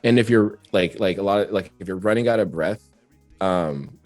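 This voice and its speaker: A man's voice: sits low, normal speed, darkish tone, dry recording, faint music behind. A man, a rapper, chatting as an interview guest, talkative and reflective and laughing often. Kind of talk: casual interview chat.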